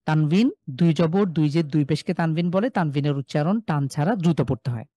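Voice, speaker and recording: Guy teaching tajweed online, slow patient drills, mellow dry voice. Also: on the high side, no echo. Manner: patient, repeats syllable drills slowly; addresses students by name, reads chat replies. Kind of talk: live online class lesson.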